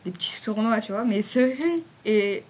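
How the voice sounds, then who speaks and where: A woman's voice: mid-range voice, lively intonation, normal speed, breathy edge. A woman with a southern French accent answering fan questions in a casual, rambling vlog, full of fillers. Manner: chatty, rambling, frequent fillers.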